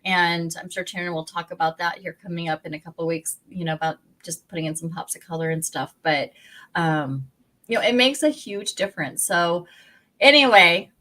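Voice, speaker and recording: This real estate podcast co-host speaks fairly fast in a lowish, slightly bright voice, and the audio quality is poor. Her Pacific Northwest American accent comes through as she rambles casually, laughing and frequently starting over.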